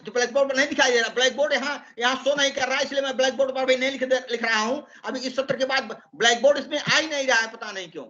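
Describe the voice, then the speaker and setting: A man giving an online Hindi training lecture, explaining slowly and deliberately with frequent pauses, heard over a video call. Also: very high-pitched, steady tone, pushed and bright. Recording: muffled online call audio.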